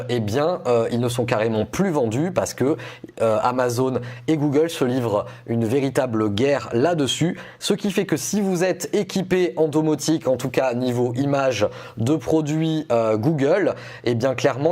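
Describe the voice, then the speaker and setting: A man's voice: mid-range voice, a little mellow. A man explaining and reviewing gadgets to his viewers in a casual, explanatory way. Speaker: tech reviewer presenting a video test.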